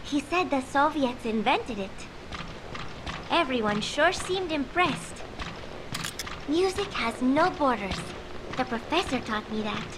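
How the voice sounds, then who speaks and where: A woman voicing a frail, gentle teenage girl who sounds tired and wistful in a video game cutscene. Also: high-pitched, expressive, slow pace, long pauses, background noise. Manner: soft, wistful, drifting.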